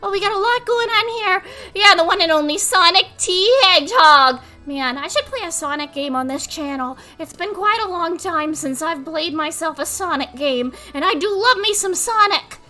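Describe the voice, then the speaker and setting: Super high pitched girly vtuber woman, cute anime streamer voice, really bright, gushing and giggly, hyper chatting with her stream. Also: normal speed, few pauses. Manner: overly energetic, giggly. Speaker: VTuber streamer playing a mermaid character. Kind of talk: excited livestream chat with viewers.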